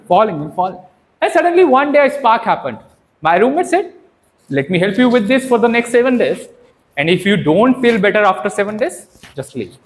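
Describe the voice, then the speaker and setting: A male public speaking trainer with an Indian accent leads a live Toastmasters workshop, teaching impromptu and sharing personal anecdotes. His high voice swings melodically, and his theatrical, emphatic delivery uses rhetorical questions and deliberate pauses.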